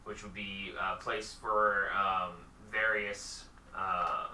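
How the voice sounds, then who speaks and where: A man narrating a tabletop game as game master, halting with many fillers. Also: on the low side, little pitch movement, sharp tone, echoey room, recorded from a distance, a little hiss or hum.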